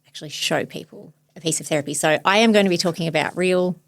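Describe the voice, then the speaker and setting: A woman in her forties, a therapist hosting a podcast, speaking thoughtfully and searchingly in a soft, reflective way. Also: fairly low pitch, fast, creaky, no room sound. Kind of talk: reflective therapy demonstration chat.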